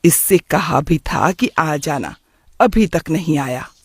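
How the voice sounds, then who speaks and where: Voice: medium pitch, expressive, slow pace, slightly rough, no room sound, clean studio sound, full character voice. A voice actor doing a fond, chatty aunt. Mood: wistful. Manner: affectionate, nostalgic chatter. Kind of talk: cartoon story voice acting.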